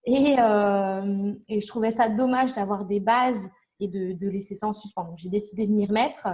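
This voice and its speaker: Mellow-voiced woman chatting in an interview. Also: medium pitch, normal speed. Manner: chatty, many fillers and restarts, explains with examples. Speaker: interview guest, language learning blogger. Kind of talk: casual interview chat.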